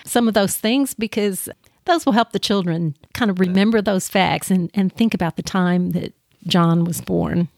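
A woman co-hosting a podcast, talking gently and enthusiastically about teaching children, with frequent restarts. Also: lowish voice, moderate pace, gravelly, dry recording, clean studio sound. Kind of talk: casual podcast conversation.

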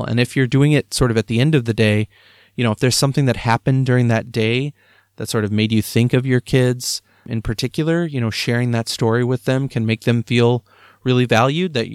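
A man's voice: on the low side, no room sound, clean studio sound. A man, likely in his thirties, talking through parenting advice in a conversational, reflective way with frequent fillers. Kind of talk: casual advice talk.

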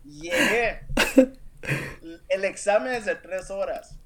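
Brief: male interview guest, slightly high voice, slow earnest storytelling with restarts. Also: animated, vocal fry, pushed and bright. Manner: earnest, emphatic, stumbling restarts. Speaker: interview guest, real estate agent. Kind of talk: personal storytelling in a podcast interview.

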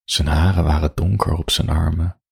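A man reading an erotic story aloud in slow, quiet first-person narration, with a husky voice. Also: rumbling low, fairly even intonation. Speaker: reader.

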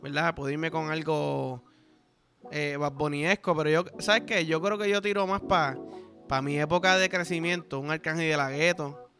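A man's voice: on the high side, normal speed, soft background music. A man in his thirties with a Puerto Rican accent, hosting a podcast and telling crude jokes in casual solo chat. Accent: Puerto Rican Spanish. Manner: crude, joking, animated storytelling. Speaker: podcast host.

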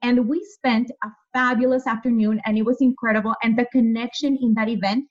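A woman's voice: on the high side, brisk. A woman in her forties, guest in a casual interview, telling stories candidly and with energy, and swearing freely. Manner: candid, animated storyteller who swears freely. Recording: muffled lo-fi audio.

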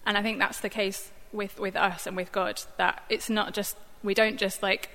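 Bright-voiced woman giving a reflection. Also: mid-range voice, level tone, normal speed. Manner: conversational, thoughtful, many fillers. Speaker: church staff member giving a Bible reflection. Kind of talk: informal sermon reflection. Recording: long hall reverb.

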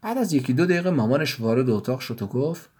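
A man reading his own written story aloud in a measured, even storytelling manner. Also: medium pitch, breathy edge. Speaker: writer and narrator. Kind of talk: scripted story narration.

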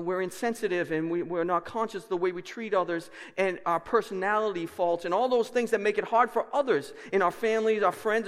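A man preaching a sermon as a pastor, with emphatic, repetitive phrasing and rhetorical questions. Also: high-pitched. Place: large indoor church hall. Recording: echoey hall with long reverb.

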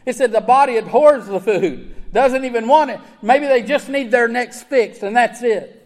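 High-pitched guy preaching, earnest and emphatic, big echoey church hall sound. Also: moderate pace. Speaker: pastor. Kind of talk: sermon.

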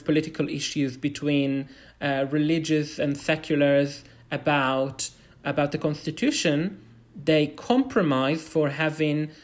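Appearing on a podcast, this Israeli man talks in English with the accent of someone whose first language is Hebrew. His slightly high voice offers informal explanations in hesitant, halting bits.

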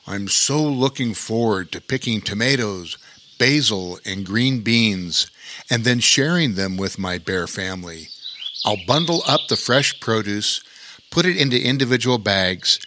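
A man reading as a gentle, kindly bear king. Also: on the low side. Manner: gentle, warm-hearted, calm.

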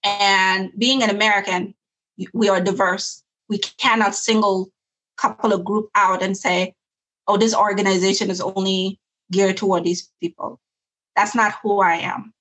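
In an interview, a woman from South Sudan reflects earnestly on the nonprofit she started, often backing up to restart a phrase before carrying on. Her voice is medium-pitched and a bit bright, captured in a rough recording.

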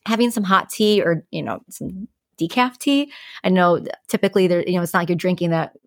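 A woman with a lowish, brisk voice co-hosts a podcast, offering sleep tips in a relaxed, conversational style and illustrating them with everyday examples. The recording is studio quality with no echo.

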